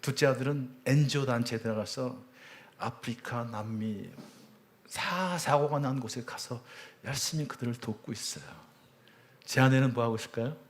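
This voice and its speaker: A man in his fifties, a church elder, telling his personal testimony with earnest storytelling, his voice swelling high at emotional peaks and dropping to a hushed near-whisper at tender moments. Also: normal speed.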